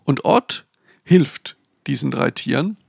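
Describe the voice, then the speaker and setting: A man's voice: medium pitch, expressive, takes it slowly, vocal fry, dry recording, studio quality. A man casually retelling the plot of a children's book, loosely and with restarts. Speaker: book presenter. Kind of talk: casual book recommendation talk.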